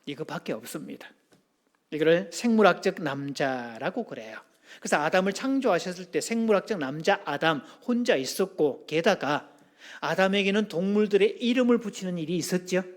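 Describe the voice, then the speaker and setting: A man's voice: high voice, animated, a little fast. A male pastor, preaching a sermon in a church with humorous storytelling and questions to the congregation. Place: church sanctuary.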